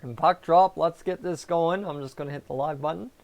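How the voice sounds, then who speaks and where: A man's voice: a little high, a little fast, gravelly. A man hosting a live hockey fan reaction stream, chatting casually and answering viewers while talking with a sore, raw tongue. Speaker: fan livestream host.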